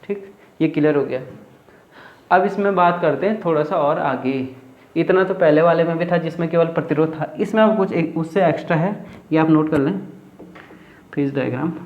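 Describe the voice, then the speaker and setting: A man's voice: fairly high pitch, moderate pace, long pauses. A man teaching a physics lesson at a board, asking questions and answering them himself, repeating key terms. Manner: repetitive, asks and answers own questions. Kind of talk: whiteboard lecture. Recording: roomy, dull lo-fi classroom recording.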